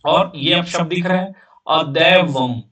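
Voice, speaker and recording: A male teacher giving an exam-prep grammar lecture, slowly repeating and breaking words into parts. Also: a little high, pushed and bright, far from the mic. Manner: slow, repetitive, drills words by sounding them out.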